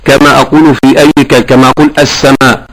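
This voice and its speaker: Patient sheikh teaching recitation. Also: male voice, mid-range voice, animated, gravelly, rough recording. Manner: patient, demonstrates verses in slow drawn-out chant. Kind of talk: explaining correct recitation.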